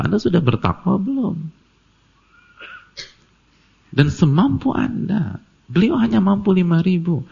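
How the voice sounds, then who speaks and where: A male preacher delivers a sermon in a gravelly, husky voice. He tells stories, rising to forceful emphasis and dropping to hushed near-whispers. The recording is dull and lo-fi, like an old lecture tape. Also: mid-range voice. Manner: storytelling, swinging from loud emphasis to near-whispered tearful passages. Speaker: Islamic preacher.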